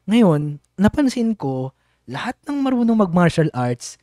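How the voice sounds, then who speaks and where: A chatty Filipino man hosting a podcast, his voice sitting a little high for a man. He asks questions in a loose, curious way, heavy with fillers. The sound is close and dry. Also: sing-song, unhurried, mellow, dry recording. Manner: curious, chatty, lots of fillers and back-channels. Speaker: podcast host. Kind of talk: casual chat.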